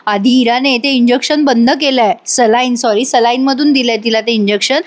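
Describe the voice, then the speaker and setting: A woman's voice: fairly high pitch, fairly even intonation, moderate pace. A woman casually retelling a TV serial episode as narrator, chatty and speaking straight to her viewers. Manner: chatty, addresses viewers directly.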